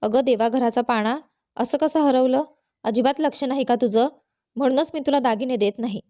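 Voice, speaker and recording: A woman's voice: sits high, brisk, darkish tone, dry recording, clean studio sound, close to an everyday voice. A woman voicing a suspicious, short-tempered mother-in-law who scolds sharply in a storybook reading. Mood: scolding.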